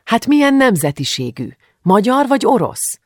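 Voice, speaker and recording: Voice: big pitch swings, no room sound, clean studio sound. A reader voicing an eager, sulky teenage girl in an audiobook. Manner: high, eager, pleading. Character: teenage girl, curious and impatient. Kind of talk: audiobook character voice.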